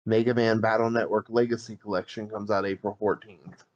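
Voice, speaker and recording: Low-voiced man, dull dry sound. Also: little pitch movement, a little fast, no room sound. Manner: matter-of-fact, lists release dates. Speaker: podcast co-host. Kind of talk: casual chat.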